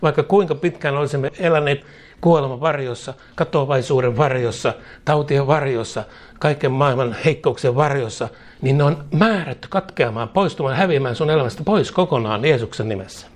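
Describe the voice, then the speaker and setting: Emphatic preacher man. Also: mid-range voice. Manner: emphatic, rhythmic repetition, occasional chuckles. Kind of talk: charismatic sermon.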